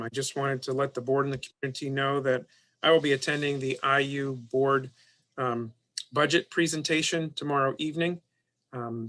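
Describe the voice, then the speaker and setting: A man's voice: medium pitch, fairly bright tone. A man speaking as board president, running a meeting with formal procedural phrasing.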